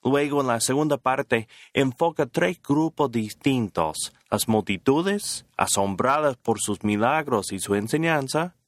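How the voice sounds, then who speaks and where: A man hosts a studio radio program on reading the Bible, speaking in a calm, measured, reverent tone. His voice sits at an ordinary male pitch. The sound is dry and close, with no room echo. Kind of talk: scripted radio teaching and prayer.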